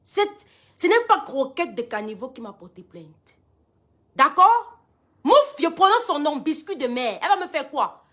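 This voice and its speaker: High, lively woman storyteller. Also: a little slow. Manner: dramatic, emphatic, mixes in English phrases. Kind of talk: animated storytelling to followers.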